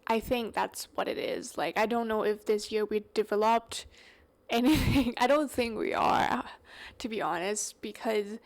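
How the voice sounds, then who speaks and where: A young Thai woman hosts a solo podcast, speaking English as a second language with a Thai accent. Her voice is fairly high and a little slow, and she rambles casually with many fillers and self-corrections.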